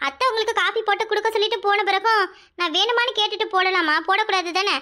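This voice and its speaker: A high-voiced performer playing a meek, polite young daughter-in-law who pleads gently. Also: quick pace. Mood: pleading.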